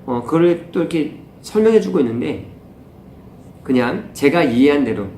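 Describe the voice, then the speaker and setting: Guy with a gravelly voice going over parenting advice, calm and teacherly, echoey room w/ faint hiss. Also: a little high, moderate pace. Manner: calm, instructive, repeats key points. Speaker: parenting channel host. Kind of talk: explaining a parenting book.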